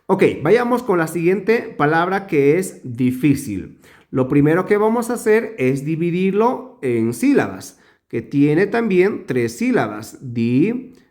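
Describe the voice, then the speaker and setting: A male teacher giving a grammar lesson, slow and emphatic, drawing out words to show where the stress falls. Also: fairly high pitch, big pitch swings, darkish tone.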